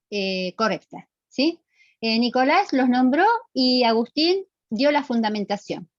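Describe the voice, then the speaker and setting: A fairly high-voiced woman gives an online lecture, patiently explaining and asking her students questions. Her audio comes through dull and muffled over a video call, with a close, dry sound and no room echo. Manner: explanatory, asks the class questions and repeats answers. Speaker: teacher.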